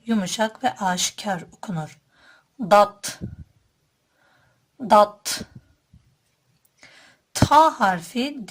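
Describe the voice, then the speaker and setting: A woman teacher speaking very slowly and deliberately. She explains each letter in a calm, mid-pitched voice. Then she sounds every letter out twice, louder and drawn out. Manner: calm explanatory tone, addresses listeners as dear friends. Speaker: Quran reading teacher.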